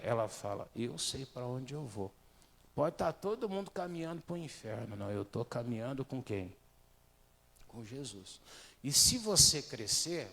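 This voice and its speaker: A man's voice: medium pitch, gravelly, a bit bright. A man with a Brazilian Portuguese accent, a pastor giving a live church sermon. He preaches in a conversational way and keeps asking the congregation rhetorical questions. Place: church sanctuary. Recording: long hall reverb.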